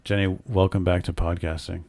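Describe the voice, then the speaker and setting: A man's voice: deep voice, flat delivery, a little fast, gravelly, a little mellow, no room sound. A man co-hosting a casual home podcast with his partner, earnestly arguing his point and reading the show plugs upbeat. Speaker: podcast co-host. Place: home room with sleeping dogs.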